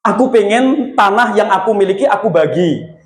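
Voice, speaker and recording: A gentle, caring old father speaks kindly to his grown son, as a male preacher voices him in a story. He asks his questions softly, a little lower than the preacher's very high voice. The words echo in a hall. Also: animated, moderate pace. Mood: gentle fatherly. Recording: echoey hall.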